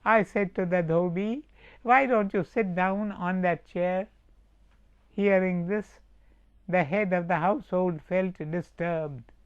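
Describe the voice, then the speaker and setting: A man, a spiritual teacher, giving a sermon with parables in a slow, gentle, measured way. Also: sits high, clear, resonant tone. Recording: dull lo-fi recording.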